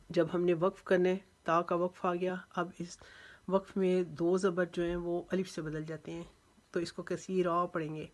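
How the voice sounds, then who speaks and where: A woman teaching Quran recitation rules step by step, patiently and methodically explaining how each sound is drawn out. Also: fairly low pitch. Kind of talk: step-by-step tajweed lesson.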